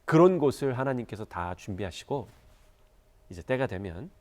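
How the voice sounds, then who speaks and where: Korean pastor preaching with fervor. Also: male voice, medium pitch, very animated, normal speed, darkish tone. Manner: emotional storytelling, rising to fervent appeals. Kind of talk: sermon.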